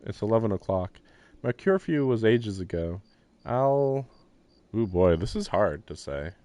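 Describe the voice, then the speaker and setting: During a live stream with faint game music, a man plays through a visual novel, reading lines and thinking aloud with wry, self-deprecating asides in casual let's-play style. His lowish voice is warm, sing-song and a little slow, with no echo.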